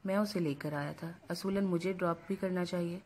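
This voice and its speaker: A woman reading the lines of a curt, self-assured young husband in a storybook reading, calm, firm and dismissive. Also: lowish voice, a little hiss or hum, close to an everyday voice.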